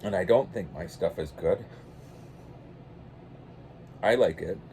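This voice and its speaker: An older man telling a meandering story in a quiet, low-key way, with lots of restarts. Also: takes it slowly, slight background noise. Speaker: pipe-smoking channel host. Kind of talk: casual rambling anecdote.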